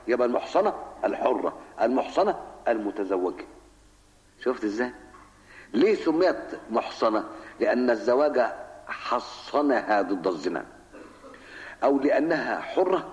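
Older Egyptian sheikh, brisk mosque lesson. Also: male voice, medium pitch. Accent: Egyptian Arabic. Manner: rhetorical questions answered himself, addresses listener as son; recites Quranic verses slowly. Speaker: sheikh answering questions. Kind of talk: mosque lesson answering questions. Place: mosque hall. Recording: lo-fi reverberant old mosque tape.

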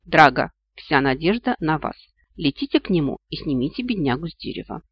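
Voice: medium pitch, very animated, fairly quick, husky, dry recording, lo-fi sound. An audiobook reader voicing a gallant, polite male talking mouse. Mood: courtly. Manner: courtly, polite. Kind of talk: audiobook character voice.

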